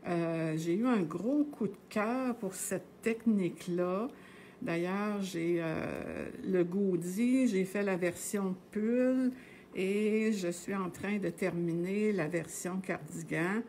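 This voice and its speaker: A woman's voice: medium pitch, takes it slowly, darkish tone, slight background noise. A middle-aged woman with a Québécois French accent, casually teaching knitting on a live stream. She talks in a chatty, meandering way, full of hesitations and tag words.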